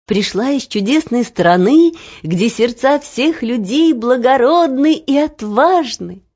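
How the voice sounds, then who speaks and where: A woman voicing a kindly, emotional aunt who speaks with warm fervour. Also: fairly high pitch, expressive, takes it slowly, dull audio, voice pushed up. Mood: fervent. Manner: warm and fervent.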